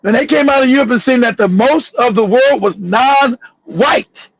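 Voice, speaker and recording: A man's voice: extremely high pitch, normal speed, gravelly, dry recording, highs cut off. A man hosting a livestream talk show, delivering fiery, profane, repetitive commentary. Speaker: show host.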